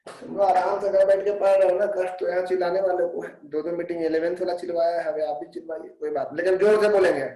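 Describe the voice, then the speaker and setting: A male physics teacher giving a live online class, dictating slowly while writing on a board. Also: high voice, flat delivery, mellow. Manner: dictates slowly, mixing Hindi and English. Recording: very echoey room, distant mic.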